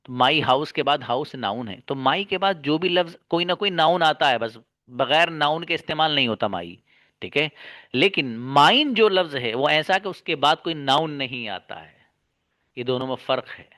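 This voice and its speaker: A man's voice: on the high side, animated, unhurried, pushed and bright, no echo. A man teaching English grammar in an explanatory lesson, often repeating key terms and asking rhetorical questions, fondly calling his listeners "babu". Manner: addresses listeners affectionately as 'babu'.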